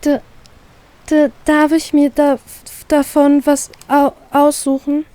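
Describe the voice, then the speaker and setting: A woman's voice: sits high, monotone, slow pace, no room sound, pitched above the performer's own voice. A woman putting on a timid, stammering young woman. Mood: shy. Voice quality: hoarse, quiet, rough. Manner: stutters on first sounds. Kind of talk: storybook reading.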